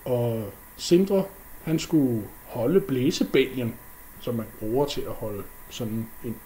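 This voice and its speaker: A man's voice: medium pitch, warm tone, slight background noise. A man retelling a myth off the cuff in a casual way, with fillers and mouth sound effects. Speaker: storyteller.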